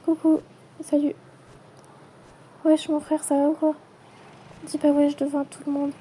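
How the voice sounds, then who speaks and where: A woman acting out a playful toy role-play, switching quickly between many characters in chatty everyday dialogue. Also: high-pitched, completely flat delivery, dark tone. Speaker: channel creator voicing every character.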